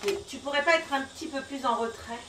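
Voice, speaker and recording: A woman's voice: sits high, fast talker, noisy background. A woman on stage reciting a poem in a comic sketch, stumbling over and garbling the words and giggling as she goes. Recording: echoey live room, distant mic, audience.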